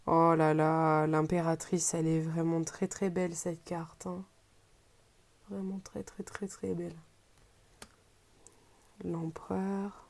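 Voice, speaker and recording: A woman's voice: lowish voice, little pitch movement, takes it slowly, gravelly, long pauses, darkish tone. A woman with a French accent casually presenting an unboxing as a reviewer, hesitant and often searching for her words. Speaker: tarot deck reviewer.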